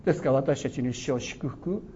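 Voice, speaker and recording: A male pastor delivers an earnest, exhorting sermon, pressing his points with sudden rises in emphasis. His mid-range voice comes through a dull, lo-fi recording with a faint low rumble behind it. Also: brisk, warm tone.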